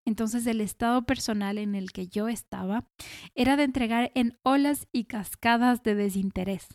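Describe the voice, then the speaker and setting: A woman's voice: mid-range voice, darkish tone, no room sound, clean studio sound. A woman in her thirties with a Latin American Spanish accent, hosting a podcast. She reads a reflective monologue and speaks straight to her listeners. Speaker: podcast host.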